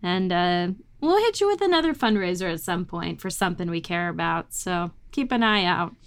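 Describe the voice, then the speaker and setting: A woman's voice: lowish voice, animated, moderate pace, smooth. A woman co-hosting a ghost podcast in casual chat, bubbly and enthusiastic. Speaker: podcast co-host.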